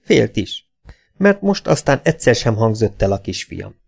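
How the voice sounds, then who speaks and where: A man narrating an audiobook in a low, measured storytelling tone. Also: very animated, creaky, a little mellow.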